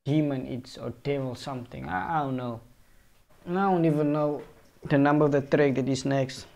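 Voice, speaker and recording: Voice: mid-range voice, steady tone, moderate pace, gravelly, a little mellow. A music reaction streamer giving casual, profane commentary, thinking aloud and often unsure of themself.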